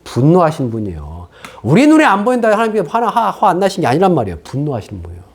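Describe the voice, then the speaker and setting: Male pastor, animated sermon delivery; high, very lively pitch; conversational, rhetorical questions. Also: rapid-fire, husky. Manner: casual, conversational preaching.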